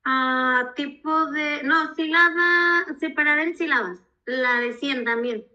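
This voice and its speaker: A female student answers slowly and hesitantly, unsure of herself. Her voice is high and bright. It comes through a dull, lo-fi video call line. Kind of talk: answering in an online class. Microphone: video call mic.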